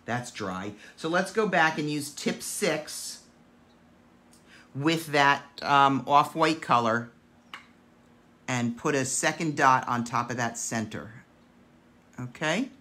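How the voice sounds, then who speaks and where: A man with a gravelly voice, chatting and counting aloud as he demonstrates a painting craft. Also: mid-range voice, animated, slow pace, pauses often, sharp tone. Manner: chatty, counts dots aloud while working. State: gravelly voice today. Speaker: craft instructor.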